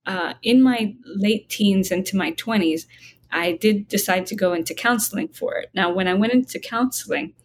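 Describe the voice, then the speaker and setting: A woman interview guest speaking about spiritual matters in a calm, reflective way, slowing down to stress her points. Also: mid-range voice, a little hiss or hum. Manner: calm, reflective, slows down for emphasis. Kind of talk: conversational interview.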